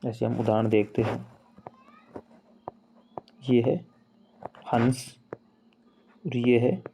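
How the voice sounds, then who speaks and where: Gravelly-voiced man teaching grammar. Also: medium pitch, mellow, a little hiss or hum. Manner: explains slowly, repeats examples, calls viewers friends. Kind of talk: casual screen-share lesson.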